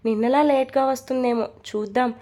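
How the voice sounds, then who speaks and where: A quiet young man in love, voiced by a woman narrating a story. He speaks softly in short lines, with a warm, mellow tone. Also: sits high, fairly even intonation, fairly quick, natural voice. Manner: soft, brief.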